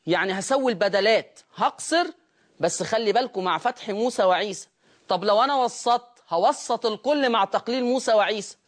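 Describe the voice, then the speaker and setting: A woman with an Egyptian accent teaching Quran recitation rules on a broadcast, explaining quickly and often checking whether her listeners follow. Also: mid-range voice. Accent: Egyptian Arabic.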